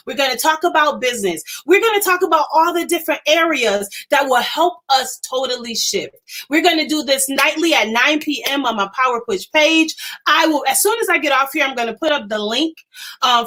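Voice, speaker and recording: A woman preaching fervently to live-stream viewers, emphatic and excited, repeating her phrases and stammering when she gets worked up. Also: high voice. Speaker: inspirational speaker hosting a live stream.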